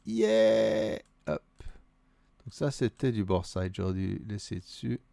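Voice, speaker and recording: Swiss guy w vaudois accent mumbling thru a solo wargame, dark mellow voice, kinda gravelly. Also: deep voice, measured pace, dry recording. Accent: Vaudois Swiss French. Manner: mutters and counts under his breath, musing to himself. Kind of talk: thinking aloud through a solo board wargame.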